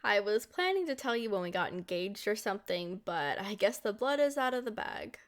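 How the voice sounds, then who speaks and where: In an ASMR roleplay, a woman voices a vampire girlfriend who is centuries old yet looks young, speaking to the listener sweetly, affectionately and expressively. Her tone is playful as she explains things, in a natural mid-range voice at normal speed.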